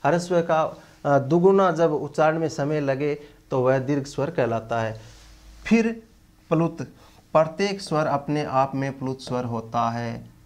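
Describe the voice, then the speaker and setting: Slow, deliberate male Hindi teacher. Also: fairly high pitch. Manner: slow, deliberate, with many drawn-out "a" fillers. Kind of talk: online lecture.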